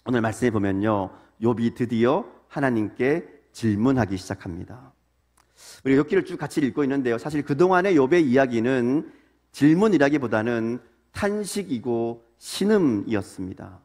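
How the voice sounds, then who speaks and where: A man's voice: medium pitch, expressive, moderate pace, darkish tone. A man, the pastor, giving a conversational sermon in a church, now and then acting out a lamenting prayer. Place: church sanctuary.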